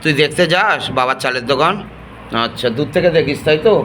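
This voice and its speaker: A man gently and softly coaxing a possessed person with repeated questions during a ritual. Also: a little high, fast, slight background noise. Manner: soft, coaxing, repeats endearments. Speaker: assistant at an exorcism ritual.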